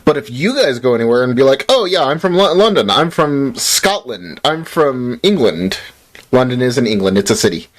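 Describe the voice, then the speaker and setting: A young American man from Utah talks casually to his stream chat while he plays. His pitch jumps around a lot as he rambles and teases, and he sounds worn out from a long shift. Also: big pitch swings, normal speed. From Utah, United States. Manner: rambling, playful, self-deprecating, talks to chat. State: tired after a long work shift.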